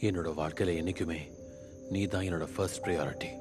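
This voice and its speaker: A man voices a devoted young lover in a dubbed film, speaking softly and earnestly. His voice is very low. Loud music plays beneath him. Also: fairly even intonation, fast talker, natural voice. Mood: tender.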